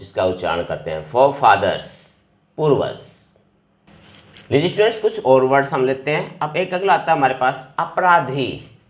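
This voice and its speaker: A man teaching English vocabulary, repeating each word loudly and quizzing students as he explains its meaning. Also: medium pitch. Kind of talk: vocabulary lesson. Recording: echoey room.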